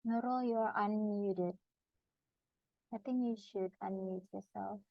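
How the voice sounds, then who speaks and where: A woman moderating an online seminar, politely directing speakers and filling pauses with "uh". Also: mid-range voice, fairly even intonation, creaky, dry recording. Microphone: video call. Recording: slightly muffled, dry call audio.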